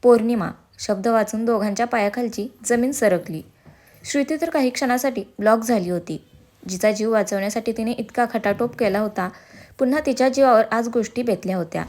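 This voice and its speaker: A woman reading a serialized family story aloud as the storyteller, with steady, expressive delivery. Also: fairly high pitch, a little fast. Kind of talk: storybook narration.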